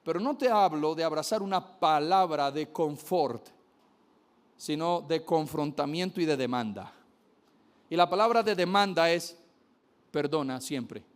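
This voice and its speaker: A man's voice: a little high, expressive, measured pace, clear, resonant tone. A man preaching a sermon, emphatic, repeating key phrases and speaking straight to his listeners.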